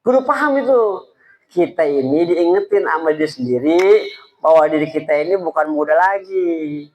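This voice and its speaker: A man giving an informal, halting sermon at a religious gathering, often speaking to the listeners directly. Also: fairly high pitch, lively intonation, a little mellow, rough recording. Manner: halting, stammering delivery; colloquial, addresses listeners directly. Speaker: preacher at a religious study gathering.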